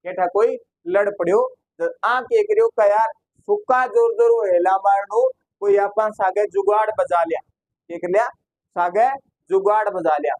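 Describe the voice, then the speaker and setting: A man's voice: high-pitched, moderate pace, darkish tone, dry recording, rough recording. A man with a Rajasthani accent teaching an exam-prep class, who keeps asking his students questions and answering them himself, slipping into local dialect phrases. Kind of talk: classroom lecture.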